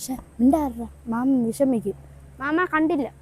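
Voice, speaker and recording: A cheeky little village boy, with a very high, shrill voice. He is a small kid in a homemade comedy sketch who chatters quickly and hushes his friend. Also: breathy edge. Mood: hushed.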